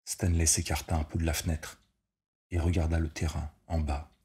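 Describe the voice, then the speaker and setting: A man narrating a short story as an audiobook reader, measured and steady. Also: rumbling low.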